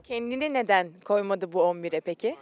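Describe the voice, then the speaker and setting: A woman's voice: medium pitch, lively intonation, a little fast, slight background noise. A woman asking questions as a sports interviewer, speaking outdoors into a handheld microphone. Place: outdoors on a training pitch.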